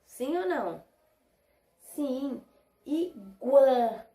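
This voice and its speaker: A Brazilian woman teaching young children, stretching out each word slowly so they can hear every sound. Her voice sits fairly high but sounds mellow and soft, and the room around her echoes. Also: expressive. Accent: Brazilian Portuguese. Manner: slow, drawn-out syllables when modelling words; patient, checks understanding with short questions. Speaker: primary school teacher. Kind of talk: recorded Portuguese lesson for young children.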